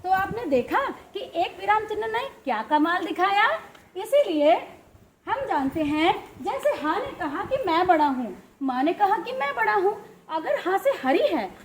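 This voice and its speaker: Slow, lively woman teacher narrating a play. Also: very high voice, slight background noise. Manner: slow, emphatic and instructive, addressing children. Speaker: primary school teacher, narrator.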